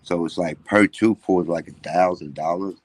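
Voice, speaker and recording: A middle-aged man with a low voice and the soft slur of missing front teeth. He chats candidly, telling personal stories in a casual, conversational way. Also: steady tone, normal speed. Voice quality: toothless, slightly slurred speech from missing front teeth. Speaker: call-in guest on a livestream.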